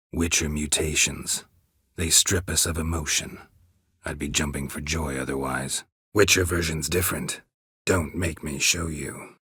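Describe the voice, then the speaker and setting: This is a full character voice: a gruff monster hunter from a fantasy video game, deep and extremely husky with plenty of gravel. Recorded dry and close, he sounds world-weary, dry and muted, keeping his sentences short, clipped and deadpan.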